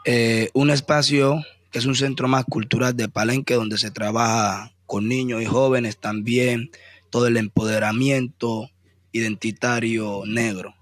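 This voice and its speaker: A man with a Colombian accent giving measured, halting interview answers as a musician. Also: mid-range voice, steady tone, no echo. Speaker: musician, group member being interviewed.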